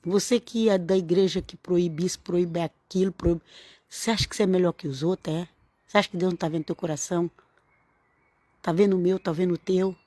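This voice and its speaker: A woman's voice: lowish voice, fairly even intonation, fairly quick, dark tone, dry recording. A woman, giving an informal, earnest sermon-style talk to camera and repeating phrases for emphasis. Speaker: religious vlogger.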